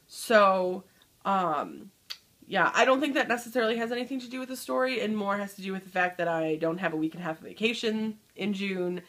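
A book vlogger in her thirties from Michigan chats casually to camera from a small room at home. Her mid-range voice is a bit bright, and she's upbeat and chatty, letting her thoughts trail off at the ends.

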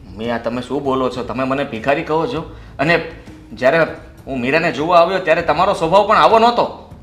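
A man's voice: a little high, fairly quick, a bit bright, natural voice. An actor playing a nervous young son-in-law who stammers and argues defensively with his mother-in-law. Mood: flustered. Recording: echoey room.

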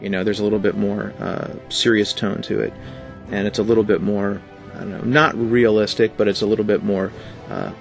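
A man being interviewed as a guest, telling stories in a rambling, animated way with lots of fillers. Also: fairly low pitch, a little fast, vocal fry, faint music behind. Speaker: guest, art director. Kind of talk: casual interview.

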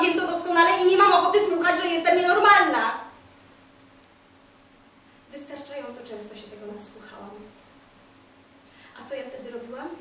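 An actress playing a bitter, volatile jilted young woman on stage, sarcastic and veering between hushed and shouted lines. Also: very high voice, a little hiss or hum. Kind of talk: stage monologue. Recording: very echoey, from far off.

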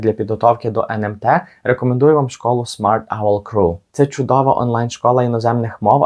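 A young man teaching English pronunciation, patiently repeating each word slowly for learners. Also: medium pitch, a little mellow. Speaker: English teacher on his channel.

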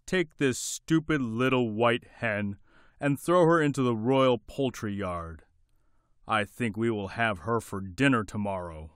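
A man voicing a pompous, angry king with a big, deep, gruff voice, shouting in a storybook reading. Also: wildly swooping pitch, takes it slowly, no room sound, studio quality, heavily acted. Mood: furious.

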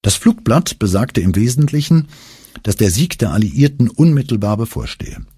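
A man reads a first-person memoir aloud in a very deep, strongly husky voice. His delivery is animated and full of rise and fall, with a dark, mellow tone. The recording is dry and close. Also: moderate pace, dry recording. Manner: expressive storytelling with voiced quotes. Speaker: audiobook narrator.

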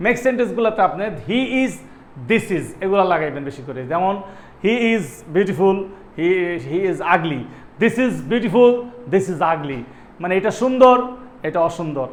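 A man's voice: sits high, roomy sound. A man teaching English in Bengali, saying each English phrase again and again and giving its meaning. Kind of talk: spoken-English lesson in Bengali.

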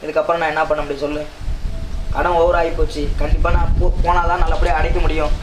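A man's voice: on the high side, level tone, quick pace, noisy background, lightly acted. A man with a southern Tamil accent playing a husband who is leaving to work abroad, coaxing his wife again and again not to cry. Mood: reassuring. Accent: southern Tamil Nadu. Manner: coaxing, repeatedly reassuring. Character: husband going abroad to repay debts. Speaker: skit actor. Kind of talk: comedy skit acting. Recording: roomy with faint ambience.

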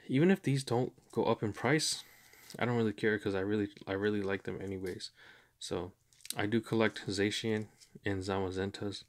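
A man talking casually and hesitantly about his collection, in a flat, monotone way with many pauses and fillers. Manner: low-key, hesitant, many ums. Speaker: YouTube card collector. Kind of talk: casual chat.

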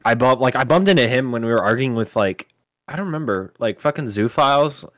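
A man telling stories in casual podcast chat, halting, slangy and sweary. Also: mid-range voice, fairly bright tone, dry recording, clean studio sound. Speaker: podcast co-host.

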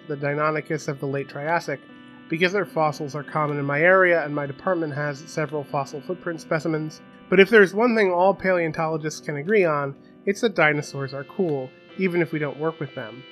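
A man's voice: a little high, fairly bright tone. Chatty man explaining, faint music behind. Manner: chatty, explanatory, asks rhetorical questions. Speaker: paleontologist video host. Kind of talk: casual educational commentary. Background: faint funky background music.

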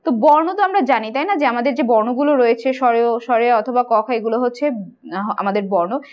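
A woman's voice: a little high, brisk, a little mellow, muffled recording. A woman teacher patiently explaining quiz answers, asking questions and answering them herself. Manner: patient, asks and answers her own questions.

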